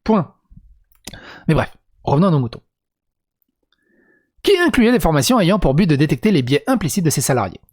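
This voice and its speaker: A man's voice: a little high, sing-song, brisk, long pauses, a little mellow. A man reading a script and breaking into crude, sarcastic asides as a video commentator. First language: French. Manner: crude, sarcastic asides between read passages. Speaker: YouTube commentator.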